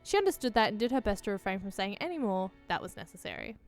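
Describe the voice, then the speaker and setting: A woman's voice: medium pitch, sing-song, quick pace, soft background music. Sweary woman reading aloud. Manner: swears and laughs at her own voice attempts. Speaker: visual novel reader. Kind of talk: casual dramatic read-along.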